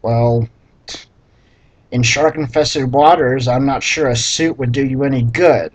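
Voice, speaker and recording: A man's voice: mid-range voice, steady tone, measured pace, rough recording. A man reading a bad novel aloud and mocking it with sarcastic, exasperated comments. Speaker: book reviewer reading aloud. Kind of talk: sarcastic read-through commentary.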